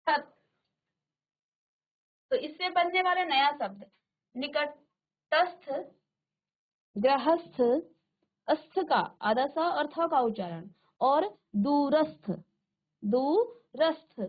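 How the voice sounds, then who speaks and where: A middle-aged woman teacher giving a classroom lesson, repeating each word slowly and asking the class questions. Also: high-pitched, expressive, phone-quality sound. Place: virtual classroom studio.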